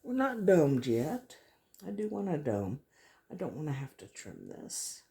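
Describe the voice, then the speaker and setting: A woman's voice: sits low, huge pitch swings, unhurried, vocal fry, mellow. A woman chatting casually to viewers as she works on a craft, thinking aloud as she goes. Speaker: craft vlogger hosting a resin tutorial. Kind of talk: casual chat while working.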